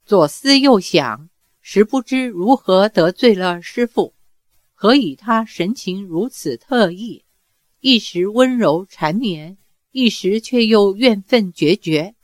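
A woman reading a novel aloud as an audiobook narrator, with measured, expressive storytelling. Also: mid-range voice, no echo.

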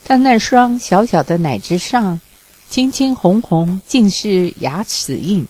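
A woman reads a literary story aloud at a slow, unhurried pace. Her voice is warm and dark, and she stays calm and even through the narration. She gives the characters' quoted lines lightly, in the same soft manner. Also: mid-range voice, poor audio. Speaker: reader.

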